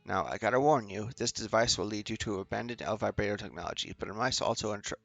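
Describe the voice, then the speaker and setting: A man's voice: lowish voice, fast, creaky, fairly bright tone, dry recording, faint music behind. A man reading an eager eccentric professor. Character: eccentric male professor inventor, eager tinkerer.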